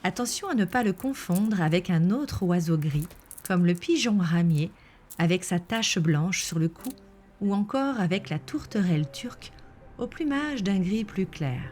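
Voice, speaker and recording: A woman reading scripted nature documentary narration in a measured, explanatory way. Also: lowish voice, expressive, a little mellow, slight background noise. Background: background music.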